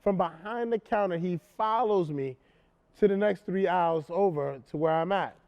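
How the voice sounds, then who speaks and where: An actor performing a stage monologue, playing a man who retells a tense encounter in an animated, emphatic way and then turns into a brash, sarcastic talk show host. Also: high voice, normal speed, lo-fi sound. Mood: indignant storytelling. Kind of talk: theatrical monologue, stand-up-like storytelling.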